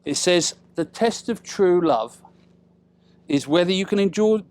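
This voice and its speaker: A middle-aged Briton, father of the bride, delivers a casual, funny wedding speech, chatting and teasing with deliberate pauses and tag questions. His voice sits high and is expressive, with a darkish tone.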